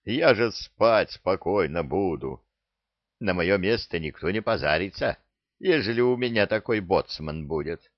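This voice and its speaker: A man voicing a sly older pirate captain who wheedles and coaxes in a gruff way. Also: deep voice, animated, a little slow, dry recording, lo-fi sound. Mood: wheedling.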